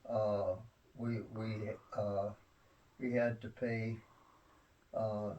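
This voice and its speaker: An elderly man reminiscing in a rambling grandpa way about family history, halting often and repeating his words. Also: lowish voice, little pitch movement, warm tone, distant mic, highs cut off. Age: 70s or older.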